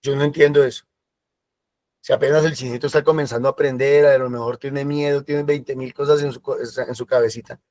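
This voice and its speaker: A man's voice: medium pitch, steady tone, fairly quick, darkish tone, no echo, studio quality. A man giving a sermon in a conversational style, slipping into quoted voices. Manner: conversational preaching with acted asides and quoted voices. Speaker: preacher.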